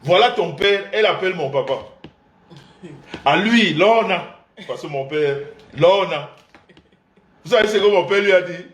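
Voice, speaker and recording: A man host of a live couples show, telling a family story with animated voices and frequent laughter. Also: high-pitched, measured pace, pauses often, reverberant. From Central Africa. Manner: acts out his mother's and father's voices, laughing often. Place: indoor room, livestream.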